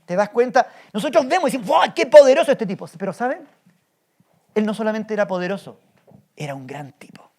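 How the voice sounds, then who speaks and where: A man's voice: very high voice, expressive, fast talker, darkish tone. A male pastor preaching a sermon, telling a story with energy and often asking the congregation rhetorical questions. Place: church.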